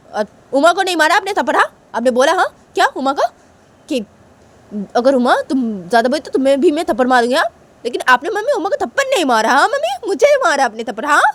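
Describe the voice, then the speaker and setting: A woman's voice: mid-range voice, warm tone, breathy edge, lightly acted. A woman voicing a petulant young partner who complains and repeats herself in a storybook tale. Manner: whining, complaining, repetitive. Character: hurt young partner, petulant and self-pitying.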